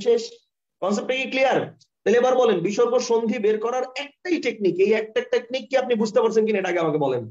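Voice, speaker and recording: Bangladeshi guy teaching grammar online, super fast, mellow voice, keeps asking if it's clear, dull mic. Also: sits high. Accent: Bangladeshi Bengali. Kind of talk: live online lesson with screen share. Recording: dull, lo-fi online class audio.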